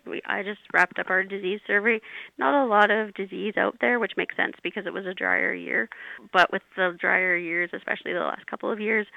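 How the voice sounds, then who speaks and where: A woman giving hesitant, measured interview answers as a crop specialist. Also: medium pitch, gravelly, dry recording. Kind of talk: unscripted radio interview answers. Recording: narrow, dry phone-like line.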